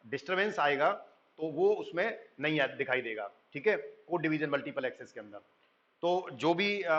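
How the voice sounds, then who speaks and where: A man lecturing, explaining in Hindi and slowly reading English lines from slides, often checking with "thik hai". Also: on the high side, a bit bright, dull audio. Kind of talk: recorded lecture.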